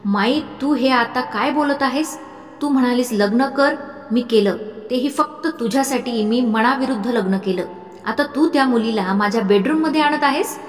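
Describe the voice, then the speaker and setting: A woman's voice: a little high, normal speed, a little mellow, natural voice. A woman voicing a curt, irritable young man with short, clipped replies in an audiobook story. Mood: irritated. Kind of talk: audiobook narration. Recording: echoey room with faint music.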